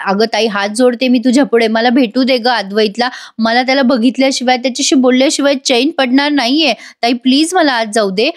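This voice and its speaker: A woman reading the part of a stubborn young wife who pleads and argues with her sister in a hospital corridor, her voice sitting a little high. The delivery is earnest and heated, a plain storyteller's take on the part. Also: a little fast, few pauses, natural voice. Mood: pleading. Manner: pleading, heated when pushed.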